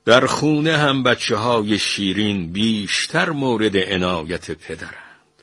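A man voicing an elderly master painter who answers quietly and with dry defiance, husky-voiced. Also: lowish voice, lively intonation, dry recording. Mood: calm. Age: older. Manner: quiet, measured, dryly defiant. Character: elderly male master painter, calm and wry.

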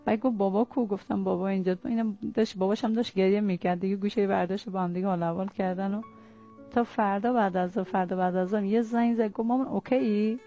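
A woman's voice: medium pitch, steady tone, mellow. A middle-aged woman, a mother, recalling her son in an earnest, tearful way as she tells the story. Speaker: mother of a fallen soldier. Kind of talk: emotional personal recollection. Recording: muffled lo-fi audio with faint music.

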